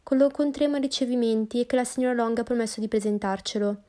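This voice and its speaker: A woman narrator voicing a sensible young woman, the second daughter, speaking calmly and reasonably. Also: fairly high pitch, fast, close to an everyday voice. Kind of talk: audiobook character voice.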